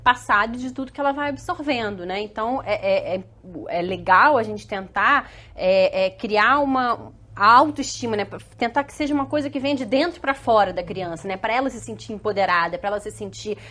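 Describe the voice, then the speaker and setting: A Brazilian woman with a slightly high voice talks as a guest on a studio talk show. She hesitates often, filling pauses and restarting her sentences as she works through each point. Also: sharp tone. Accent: Brazilian Portuguese. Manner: hesitant, many fillers and restarts. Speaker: guest specialist.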